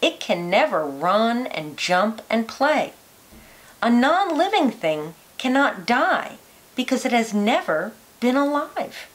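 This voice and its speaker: Slightly high and sing-song, this woman's voice carries a children's educational picture book as a teacher might read it, every phrase measured and deliberate for little ones.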